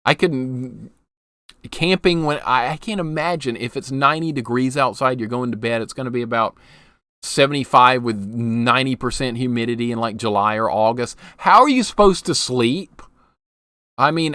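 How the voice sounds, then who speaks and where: The speaker, a chatty Alabaman in his 40s, rambles and breaks off his own sentences during a casual live stream of a retro game. His mid-range voice is a bit bright, recorded with clean studio sound and no echo, while game music runs underneath.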